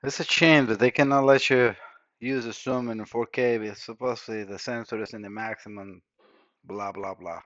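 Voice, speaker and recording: This Costa Rican man, a native Spanish speaker with the local accent, thinks aloud informally while repairing electronics at an indoor workbench. His fairly low, fairly bright voice moves at a moderate pace with fairly even intonation, and there's no echo. Dull, lo-fi sound from an action camera mic.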